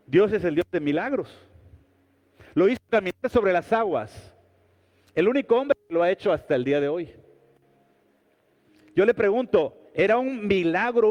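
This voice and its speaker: A man's voice: sits high, long reverb tail, dull audio. A male pastor preaching a sermon, building repeated refrains and lifting his voice suddenly.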